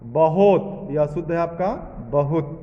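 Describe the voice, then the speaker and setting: A man's voice: a little high, takes it slowly. A male teacher taking a class through a lesson, asking questions and answering them himself. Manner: drills students, asking and answering his own questions. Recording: echoey room with long reverb, dull sound.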